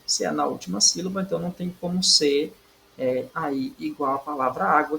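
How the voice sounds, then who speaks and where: In a rough recording with a little hiss or hum, a man with a medium-pitched voice and vocal fry teaches Portuguese. He works through exam questions didactically, says "certo?" to check in, and makes stressed syllables louder for emphasis.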